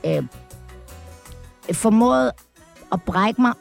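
A woman's voice: on the high side, lively intonation, gravelly, faint music behind. A woman talking as a podcast guest in casual chat, hesitant and full of fillers, laughing often.

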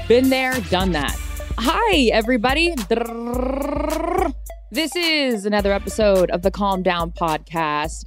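A woman's voice: medium pitch, animated, normal speed, over music. A woman from the Seattle area co-hosting a podcast in a bubbly, playful, jokey chat. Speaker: podcast co-host. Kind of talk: casual chat.

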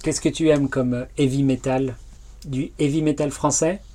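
Very deep-voiced woman. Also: steady tone, moderate pace, dark tone. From France. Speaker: livestream co-host. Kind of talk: casual livestream chat. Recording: noisy home livestream audio.

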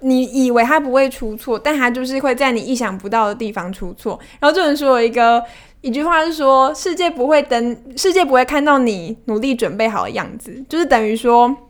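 A woman co-hosting a casual book discussion, speaking in a measured, thoughtful way. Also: high voice. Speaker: podcast co-host.

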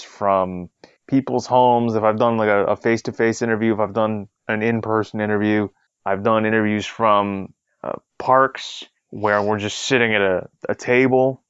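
A man's voice: on the low side, a bit bright, smooth, no room sound. A man hosting a solo podcast in a chatty, rambling monologue, often checking in with a rhetorical question, recorded on a headset into a budget smartphone. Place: basement spare room at home. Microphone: headset mic into a budget smartphone. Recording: dull, lo-fi headset phone recording.

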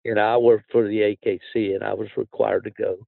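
A man's voice: lowish voice, level tone, brisk, vocal fry, no echo, phone-quality sound. An older man hosts a casual outdoors podcast in a folksy, plain-spoken way. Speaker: podcast host.

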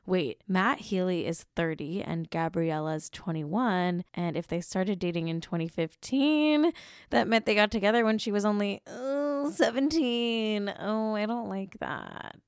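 A woman's voice: medium pitch, a little slow, smooth, dry recording, studio quality. A young woman hosting a celebrity news podcast, reading scripted gossip with wry, self-mocking jokes. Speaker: podcast host.

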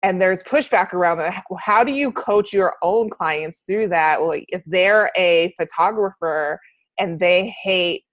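A woman hosting a casual podcast interview, relaxed and quick to laugh, with casual fillers. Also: fairly low pitch, no room sound. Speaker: podcast host.

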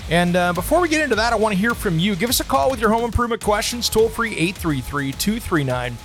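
A man with a high voice speaks fast, hosting a home improvement radio show over soft background music. Recorded on a studio microphone, he chats about products in a relaxed way, dropping plenty of "uh" fillers.

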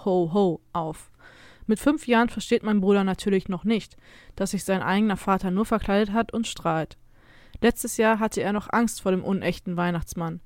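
A woman narrating a scripted first-person Christmas story in an even, measured way. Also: medium pitch, no echo, clean studio sound.

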